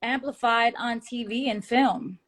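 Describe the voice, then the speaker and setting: A woman speaks as a guest in a casual video chat. She talks haltingly, with a lot of restarts and fillers, in a fairly high voice that comes through a video call. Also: steady tone, fairly bright tone. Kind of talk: casual conversation.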